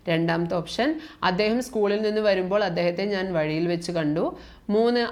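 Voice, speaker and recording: A woman tutor with a Malayali accent talks through a mock exam at an unhurried, deliberate pace. Her voice sits slightly low for a woman. She reads each option aloud, then asks which one is right and confirms it. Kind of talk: reading out mock test questions and answers.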